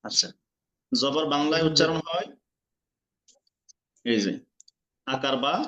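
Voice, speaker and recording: A man's voice: fairly high pitch, slow pace, pushed and bright. A man teaching an online lesson, explaining step by step and quizzing his students. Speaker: Quran recitation teacher.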